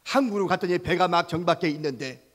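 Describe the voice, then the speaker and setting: A man preaching to children as a Sunday school preacher, telling a Bible story in an animated way and asking them questions. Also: sits high, brisk. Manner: animated, asks children questions, voices sound effects.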